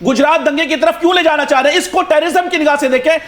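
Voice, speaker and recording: A man's voice: very high-pitched, very fast, fairly bright tone. A man speaking as a panelist in a heated TV news debate, delivering his points in an impassioned, declamatory way.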